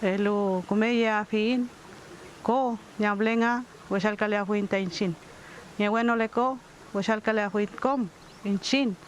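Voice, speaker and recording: An older community leader from southern Chile, giving a slow, reflective documentary testimony with pauses. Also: mid-range voice, steady tone, a little hiss or hum, rough recording. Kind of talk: documentary testimony mixing Spanish and Mapudungun.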